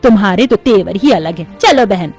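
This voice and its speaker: A woman's voice: mid-range voice, animated, moderate pace, darkish tone, soft background music, lightly acted. A woman voicing a poor but proud village woman in a cartoon story, answering back in a firm, indignant way.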